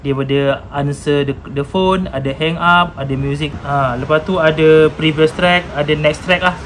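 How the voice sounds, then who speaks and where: A motorcycle gear reviewer with a Malaysian accent gives a casual, hands-on product demonstration, sprinkling in English tech terms. His voice is fairly high with fairly even intonation at a normal speed, and the room recording is clearly noisy.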